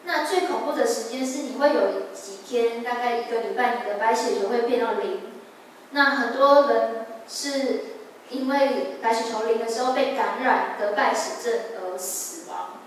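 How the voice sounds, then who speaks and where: A young woman with a Taiwanese Mandarin accent shares her testimony in a church service, speaking earnestly and halting now and then to restart a thought. Her fairly high voice carries through a large, strongly echoing sanctuary with a long reverb tail. She sounds set back from the microphone, with a faint hum of room noise behind her. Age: young adult. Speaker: church member giving testimony. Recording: echoey hall, voice from a distance.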